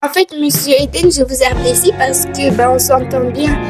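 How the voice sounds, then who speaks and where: A woman's voice: high-pitched, normal speed, loud music behind the voice, pitched above the performer's own voice, close to an everyday voice. A woman voicing a smitten young female admirer who speaks shyly and earnestly.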